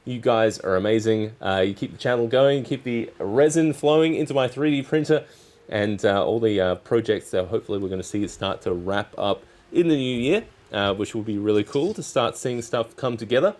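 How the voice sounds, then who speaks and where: A man with a fairly low voice hosts a relaxed crafting stream. He talks casually and rambles, breaking his thoughts into short halting pieces. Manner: rambling, halting, trailing phrases. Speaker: streamer, crafting channel host. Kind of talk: casual livestream chat while crafting.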